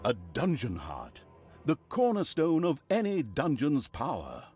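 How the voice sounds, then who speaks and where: A gloating narrator of evil deeds, with a fairly high voice that swings widely in pitch. He tells the story with mocking asides over faint game music. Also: wildly swooping pitch, measured pace, a little mellow, slightly rough, exaggerated voice.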